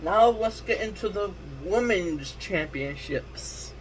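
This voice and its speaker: High-voiced man rambling about wrestling. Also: lively intonation, takes it slowly, slight background noise, low-quality recording. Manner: rambling, self-correcting, full of restarts. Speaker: wrestling podcast host. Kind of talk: casual solo commentary.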